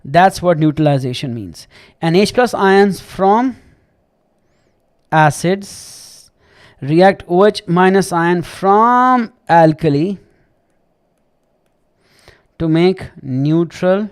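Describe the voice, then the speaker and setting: Man, high clear voice, chatty online chemistry teacher, repeats and checks in. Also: animated, drawn-out words, long pauses. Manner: chatty, repeats himself, checks understanding often. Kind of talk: live online lesson.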